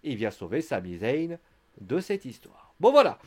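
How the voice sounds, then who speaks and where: A man's voice: medium pitch, very animated, moderate pace, a little mellow, husky. A man giving a casual live-stream recap of a wrestling show, chatty and joking, with theatrical asides to his viewers.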